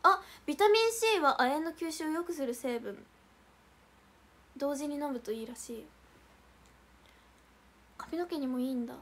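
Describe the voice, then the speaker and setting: A woman's voice: sits high, moderate pace, long pauses. A young woman hosting a casual idol livestream, chatting and reading out viewer comments with frequent giggles.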